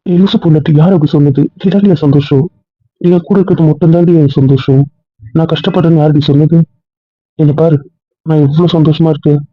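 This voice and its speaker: A woman's voice: deep voice, fairly even intonation, quick pace, dry recording. A woman voicing a young husband who soothes his tearful wife with affectionate teasing, in a Tamil audio drama role-play. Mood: reassuring. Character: young husband, tender and reassuring. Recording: tinny phone-like lo-fi sound, slightly distant.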